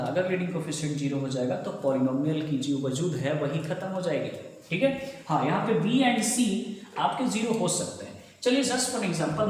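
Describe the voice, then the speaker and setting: A male math teacher giving a classroom lecture, mixing in English terms and asking questions that he answers himself. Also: high-pitched. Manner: asks students questions then answers them himself; mixes Hindi with English terms. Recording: very echoey room with long reverb.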